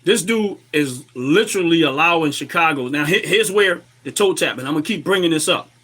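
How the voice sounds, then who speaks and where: An American man hosts a casual, opinionated livestream while feeling a little under the weather, clearing his throat and repeating phrases for emphasis. His voice is a little high and sharp in tone, and he talks in an animated, fairly quick way.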